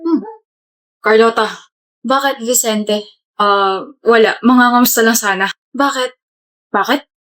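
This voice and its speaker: A woman's voice: a little high, unhurried, long pauses, a bit bright. A woman acting out scripted POV comedy skits, switching between playful characters. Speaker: comedy skit creator.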